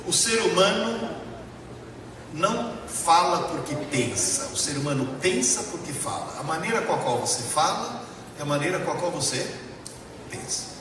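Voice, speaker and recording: In a big lecture hall full of listeners, an Italian-born professor whose native tongue is Italian delivers a motivational teaching talk. His high voice is animated and emphatic, full of dramatic pauses and repeated phrases, recorded from afar amid echo and noise.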